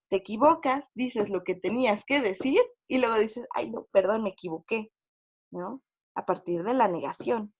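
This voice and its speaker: Woman, fairly high voice, university lecture, explanatory, acts out quoted voices. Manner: explanatory, acts out quoted inner voices, frequent tag questions. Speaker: psychology lecturer.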